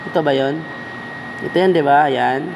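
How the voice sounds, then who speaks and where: There's a noisy background behind this gravelly voice, which sits on the high side at normal speed. The man, who has a Filipino accent, walks viewers through video editing step by step, talking informally as if to a friend.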